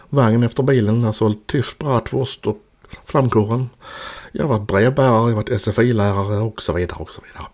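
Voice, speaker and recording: A man's voice: fairly low pitch, darkish tone. A man in his fifties from Sweden narrating a voice-over about his life and travels in a chatty, self-mocking way. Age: 50s. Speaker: vlogger.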